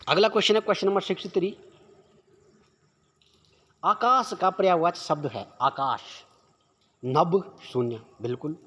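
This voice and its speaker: A man's voice: a little high, slightly rough. A man teaching exam prep questions, who keeps asking rhetorical questions and answering them himself.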